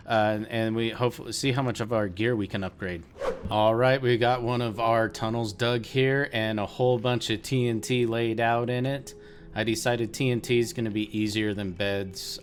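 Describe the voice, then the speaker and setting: A man hosting a let's play, chatting casually to viewers about his game and getting easily excited. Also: fairly low pitch, slight background noise. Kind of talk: casual gameplay commentary.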